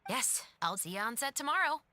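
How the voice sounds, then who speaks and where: A woman voicing a steady, principled female security captain in a game cutscene, speaking in a calm, matter-of-fact way. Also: a little high, brisk, a little hiss or hum. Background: soft music.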